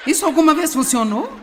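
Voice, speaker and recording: A woman preaching a sermon in an animated way, with wry humor and frequent asides to the audience. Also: high-pitched, in a large hall, a little hiss or hum, heavily acted. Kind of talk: sermon, dubbed.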